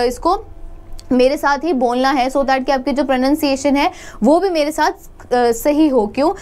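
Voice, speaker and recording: High-voiced woman teaching vocabulary. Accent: Jammu Indian English. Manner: explains in Hindi mixed with English, asks and answers her own questions; slows down to pronounce English words for students to repeat. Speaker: English teacher. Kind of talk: recorded exam-prep lecture. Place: classroom with a board.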